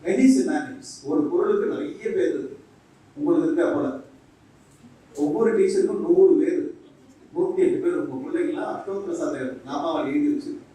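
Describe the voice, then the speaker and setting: Heard from a distance in an echoey hall, a monk lectures teachers at a moderate pace in a warm, slightly high voice. He keeps them laughing with jokes and little acted-out exchanges, moving back and forth between Tamil and English.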